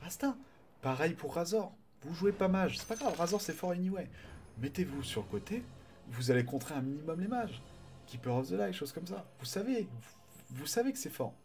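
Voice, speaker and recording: A man casting a live online game tournament, chatty and excitable, greeting viewers and swearing casually. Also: fairly high pitch, moderate pace, faint music behind. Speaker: tournament caster and streamer.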